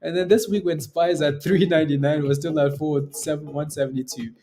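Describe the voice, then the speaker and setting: Hosting a laid-back live trading stream, this man speaks a little fast in a warm, higher-pitched voice with fairly even intonation. He's blunt and exasperated in typical finance-bro slang, hammering points home by saying them again.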